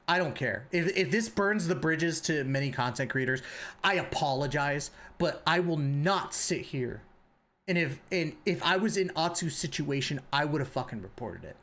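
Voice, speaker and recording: A man's voice: fairly high pitch, normal speed, a bit bright. A male streamer furiously ranting and swearing while reacting to online drama. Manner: angry, profane, ranting.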